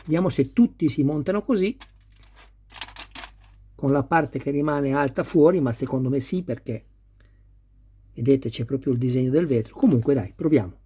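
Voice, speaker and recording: Husky Italian-speaking man building a model. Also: mid-range voice, moderate pace, pauses often, warm tone. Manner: patient, talks viewers through each step. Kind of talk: hands-on assembly tutorial.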